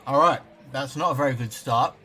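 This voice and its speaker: A man's voice: mid-range voice, brisk, sharp tone, faint music behind. A young Australian man giving casual let's-play commentary, with dry, self-mocking jokes. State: talking with a mouth full of banana at times. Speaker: gaming YouTuber.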